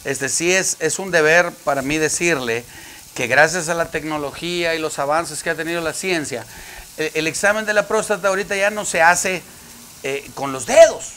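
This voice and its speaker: A stiffly polite doctor, as a Mexican man puts him on, explaining in slow, official-sounding phrases. The voice sits a little higher than the teller's own and comes across bright. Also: slight background noise. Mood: solemn reassurance. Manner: measured, mock-formal explanation. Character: calm, formal male doctor explaining a procedure.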